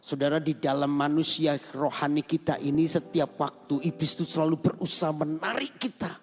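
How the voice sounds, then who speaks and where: A man, a pastor preaching an emotional, animated sermon at a large service. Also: a little high, fairly quick. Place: large venue, rooftop church service. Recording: reverberant hall with music.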